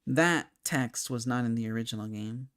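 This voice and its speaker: A man's voice: mid-range voice, normal speed, fairly bright tone, clean tone. A young man talking casually about a video game, rambling and thinking aloud with many fillers and restarts, hiccuping now and then. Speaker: game commentator. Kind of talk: casual spoken game discussion.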